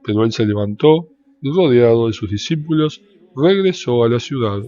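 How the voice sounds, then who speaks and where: A man giving a measured, solemn scripture reading that lifts into a sung lilt at the ends of phrases. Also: mid-range voice, lively intonation, warm tone, soft background music. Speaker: Bible reader. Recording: dull, lo-fi with faint background noise.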